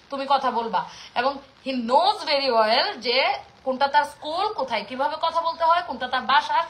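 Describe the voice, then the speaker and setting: A woman vlogger in her thirties, speaking with a Bangladeshi Mymensingh accent, passionately scolds her audience in a casual rant. Her high voice is a bit bright, and a little hiss or hum is audible.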